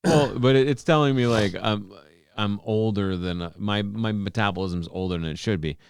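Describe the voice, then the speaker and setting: Podcast co-host, man in his forties, very deep voice, close dry mic, rambling explainer. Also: normal speed, vocal fry, clear, resonant tone, no echo. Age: 40s. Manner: rambling, explains at length with many restarts. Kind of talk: casual chat.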